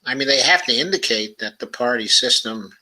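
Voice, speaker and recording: A man hosting a casual livestream show, with a strikingly bright, ringing tone. He thinks aloud in an easygoing way, peppering his sentences with "okay" and "uh". His pitch sits in a middling range for a man. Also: lively intonation, fairly quick, poor audio. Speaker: talk show host. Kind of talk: casual livestream commentary, reading viewer comments.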